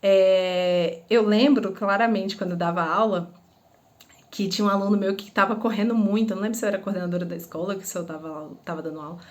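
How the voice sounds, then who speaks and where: A woman's voice: mid-range voice, steady tone, fast, a little mellow. A woman, a former schoolteacher, gives casual parenting advice to camera, explaining with rhetorical questions and acted-out examples. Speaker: parenting educator.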